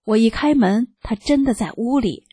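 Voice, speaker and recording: An older woman telling a first-person testimony in a slow, earnest read-aloud manner. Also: a little high, mellow, slightly rough, dry recording.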